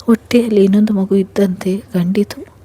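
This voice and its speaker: A woman narrating a first-person family story in a soft, hushed, emotional way. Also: medium pitch, fairly even intonation, moderate pace, slight background noise.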